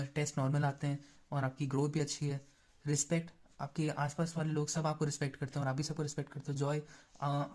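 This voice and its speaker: A man's voice: fairly high pitch, warm tone. A young man tutoring in a casual lecture, explaining terms in a chatty way and checking in with listeners often. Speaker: exam-prep tutor.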